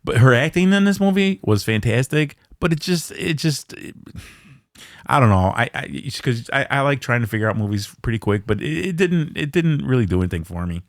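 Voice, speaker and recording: A man co-hosting a casual horror movie podcast, talking excitedly with lots of stammering restarts and blunt, profane words. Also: mid-range voice, a little fast, no echo, clean studio sound. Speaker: podcast co-host.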